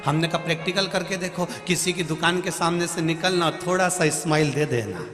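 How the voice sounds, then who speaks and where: A male preacher giving an animated devotional sermon with stories, repeating phrases and swelling to loud calls. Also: fairly high pitch, fairly quick. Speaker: religious preacher. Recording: long hall reverb, faint music.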